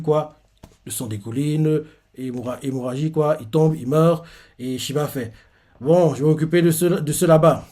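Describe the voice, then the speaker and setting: A man's voice: medium pitch, mellow. A man hosting a manga reaction who retells a chapter casually, rambling with lots of fillers and restarting his sentences.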